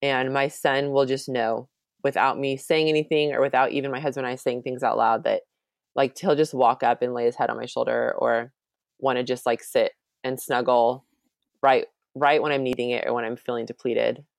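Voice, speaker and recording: A woman's voice: a bass voice, steady tone, moderate pace, vocal fry, no echo, studio quality. A woman in her thirties, a mother raising two children with Down syndrome, speaking as a guest in an interview in an earnest, reassuring way with many fillers. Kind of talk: conversational interview.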